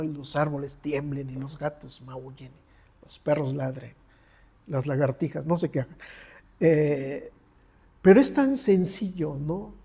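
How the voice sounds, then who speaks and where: A man with a Mexican accent preaching a sermon, lively and acting out the voices of the people he quotes. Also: fairly high pitch. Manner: animated, acts out quoted voices.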